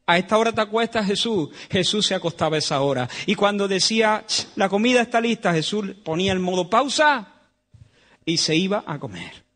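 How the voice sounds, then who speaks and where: Male preacher from Spain, Spanish accent, high and bright voice, impassioned sermon delivery with big swings from loud to hushed. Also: expressive, a little fast. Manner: impassioned, swings between loud emphatic lines and hushed tones. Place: church.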